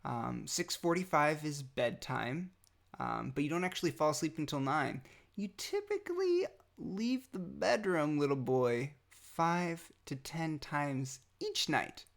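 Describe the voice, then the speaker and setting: This young man's voice is fairly high, a little slow, creaky, and fairly bright. A few days after nose surgery, he leaves his little son a casual, rambling, affectionate birthday message full of fillers and restarts.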